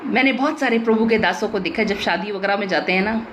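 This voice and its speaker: A woman's voice: mid-range voice, fast talker, a bit bright, a little hiss or hum. An Indian woman pastor preaching a sermon in an emphatic, blunt way with teasing humor.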